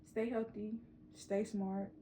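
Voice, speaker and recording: A woman's voice: mid-range voice, level tone, slow pace, heavy background noise. A young woman giving a casual, encouraging pep talk in a vlog, with a runny nose. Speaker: vlogger.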